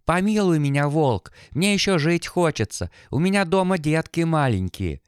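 A man's voice: on the high side, expressive, moderate pace, clean tone, no echo, studio quality, pitched above the performer's own voice, lightly acted. A man reading an audiobook, voicing a timid little hare from a fairy tale in a pleading way.

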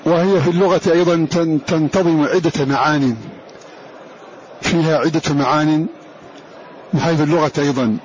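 A man teaching a lesson on Quran recitation in a deliberate lecture style, repeating each term for his students. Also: on the high side, fairly even intonation, darkish tone. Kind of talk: classroom lecture. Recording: dull lo-fi recording with faint hiss.

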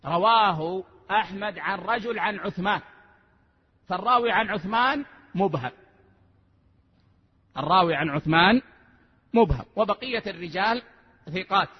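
A man with a high, husky voice delivers a measured religious lesson, repeating key phrases so they sink in. He sounds like he is in a large, echoing hall, and the recording is dull and lo-fi. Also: animated. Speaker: sheikh teaching a lesson. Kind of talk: religious lesson explaining a text.

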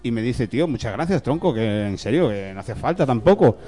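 A man from hosting a podcast, telling anecdotes in a lively, casual way with swearing and laughter. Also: mid-range voice, a little fast, faint music behind. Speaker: podcast host. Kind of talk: casual chat, storytelling.

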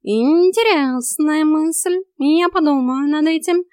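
A woman's voice: sits high, slow pace, a little mellow, no echo, clean studio sound, voice pushed up. A woman voicing a cheeky male talking cat who teases like a bossy fitness coach in an audiobook. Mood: mocking. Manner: teasing, bossy drill-instructor banter. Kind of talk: audiobook character voice.

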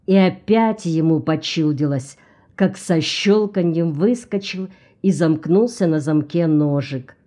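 Slow low-voiced woman reading a story. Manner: slow, even storytelling, lifting her voice for excited characters. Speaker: narrator. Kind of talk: scripted narration of a novel.

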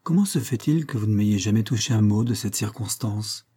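Un homme qui lit une jeune femme douce mais ferme, la voix montée, posée et insistante, dans un livre audio. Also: male voice, fairly low pitch, brisk, mellow, natural voice.

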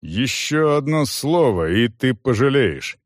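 A man voicing a hard veteran soldier who speaks coldly and quietly with menace. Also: mid-range voice, big pitch swings, slow, dry recording, studio quality. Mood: cold threat. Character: cold, hard veteran male soldier-constable.

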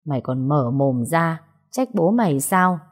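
A woman reading a story aloud, voicing a furious older male official who shouts and scolds his grown daughter. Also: on the low side, expressive, normal speed, slightly rough. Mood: furious scolding. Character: furious older male vice chairman, domineering father.

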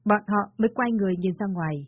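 A woman telling a dramatic first-person story in a steady, earnest narrating voice. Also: medium pitch, quick pace, dry recording. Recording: slightly dull lo-fi with faint music.

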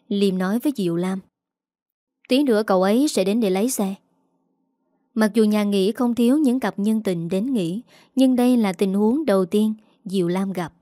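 A woman narrating an audiobook story in a steady, even manner. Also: mid-range voice, dry recording, clean studio sound.

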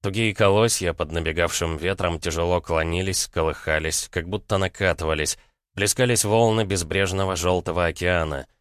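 A man narrating an audiobook in a steady, expressive storytelling manner. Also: deep voice, clean tone, no room sound, clean studio sound. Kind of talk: scripted narration.

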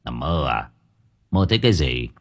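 A man voicing a gruff, irritable older village husband who snaps curtly in an audio story. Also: rumbling low, big pitch swings, moderate pace, pitched below the performer's own voice, exaggerated voice. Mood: gruff irritated. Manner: curt, snapping.

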